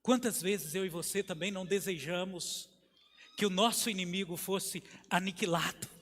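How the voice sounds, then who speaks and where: A Brazilian pastor preaching a sermon with emphatic swells and sudden drops in volume. His voice sits high for a man. The church sanctuary gives it a long, ringing reverb. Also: normal speed, fairly bright tone. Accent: Brazilian Portuguese.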